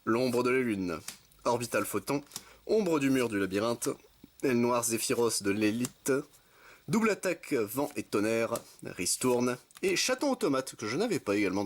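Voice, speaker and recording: Chatty man reading off card names. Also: mid-range voice. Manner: chatty, reads card names in quick lists, self-correcting asides. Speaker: card-opening video host. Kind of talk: casual commentary while opening card packs. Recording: faint background noise with card crinkling.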